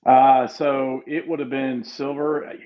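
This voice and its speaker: A man's voice: mid-range voice, level tone, measured pace, over a noisy crowd. A man co-hosting a casual chat, telling stories in a friendly way with hesitant fillers. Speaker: co-host. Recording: dull, muffled sound.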